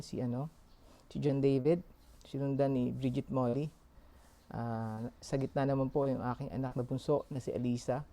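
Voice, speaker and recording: Filipino guy preaching kinda casual and halting, creaky voice, bit slurred after getting a tooth pulled. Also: medium pitch, dark tone. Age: middle-aged. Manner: halting, hesitant. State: slightly slurred speech from a swollen mouth after a tooth extraction. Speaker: church member giving a short sermon. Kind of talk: informal sermon in mixed Tagalog and English.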